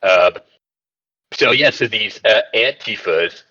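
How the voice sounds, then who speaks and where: Man for a mock-serious comedy podcast host, deep and bright-edged, halting delivery, dull lo-fi sound. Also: expressive, slightly rough. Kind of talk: satirical comedy podcast chat.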